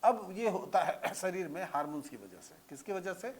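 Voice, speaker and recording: A man's voice: high voice, very animated, moderate pace. A man teaching a lecture in a conversational way, often checking that students understand with repeated questions. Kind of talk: classroom lecture.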